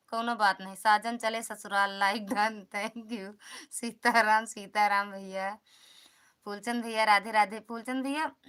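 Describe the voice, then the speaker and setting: Casting: chatty Awadhi-accented woman, livestream host, high bright voice, greets every commenter. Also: smooth. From Uttar Pradesh, India. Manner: chatty, greets commenters by name, calls for support and returns. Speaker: live stream host. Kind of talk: casual live-stream chat greeting viewers.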